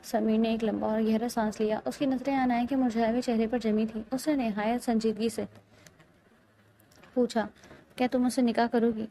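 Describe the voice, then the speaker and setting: A woman reads a novel aloud in steady, dramatic audiobook narration. Her voice is fairly high yet mellow and dark in tone, with a gravelly fry running through it and faint noise behind. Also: poor audio.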